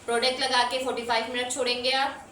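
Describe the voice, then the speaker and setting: A woman's voice: on the high side, level tone, quick pace, fairly bright tone. A woman beauty instructor explaining a keratin treatment step by step in a salon, speaking. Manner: explains step by step, uses examples. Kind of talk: hair treatment tutorial. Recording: echoey room, mic at distance, faint noise.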